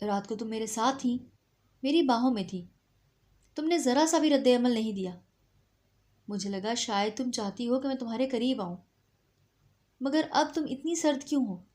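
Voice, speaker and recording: A woman's voice: a little high, lively intonation, pauses often, a little mellow, natural voice. A woman voicing a brooding, frustrated young husband in a storybook reading. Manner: confrontational, then earnest.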